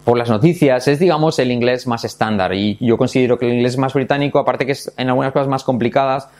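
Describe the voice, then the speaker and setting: A man from Spain with a Spain Spanish accent, teaching English in a casual online lesson, lively and playful, repeating words in mock English accents. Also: mid-range voice, quick pace.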